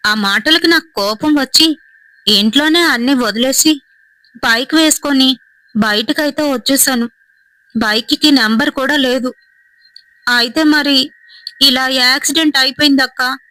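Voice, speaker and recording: Pleading young guy ghost in a horror story, a woman puts him on, quiet, dry close sound. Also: sits high, dry recording, poor audio.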